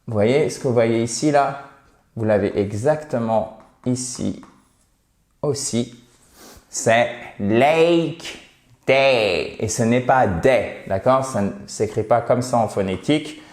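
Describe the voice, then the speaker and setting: A man explaining English irregular verbs in a patient lesson, slowly repeating example sentences. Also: medium pitch, a little mellow, echoey room. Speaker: English teacher. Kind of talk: French-language English grammar lesson.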